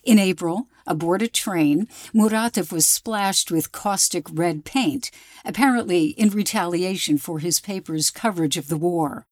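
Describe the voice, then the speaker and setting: Female radio documentary reporter, lower register, dry studio sound, scripted narration. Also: measured pace, a little mellow, no room sound.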